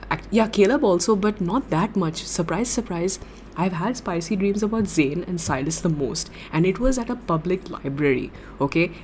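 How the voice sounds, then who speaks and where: A young woman livestreaming, chatting casually with viewers and answering their comments in a giggly, gushing, excitable way. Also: fairly low pitch, a little hiss or hum.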